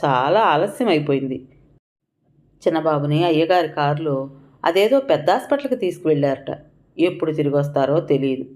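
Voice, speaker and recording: A woman's voice: sits low, animated, a little fast, a little mellow. A woman narrating a story as an audiobook, reading with feeling and taking on the characters' cries and pleas.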